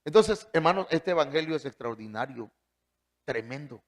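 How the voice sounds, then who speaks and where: A man preaching a sermon, emphatic, with big swings in pitch and loudness. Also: lively intonation, normal speed.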